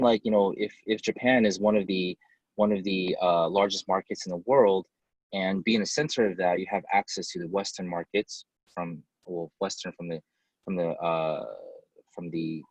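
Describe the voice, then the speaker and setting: A man who grew up in the United States answers interview questions as a company head. His voice is very low, his delivery loose and chatty with fillers. The sound is dry and close. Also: darkish tone, dry recording, rough recording. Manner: conversational, many fillers and restarts. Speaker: company CEO, guest. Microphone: video call.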